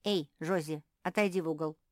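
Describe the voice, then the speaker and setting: A woman's voice: deep voice, fairly quick, no room sound, studio quality, close to an everyday voice. A woman voicing a tiny, kind male gnome who is eager to help. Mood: cheerful.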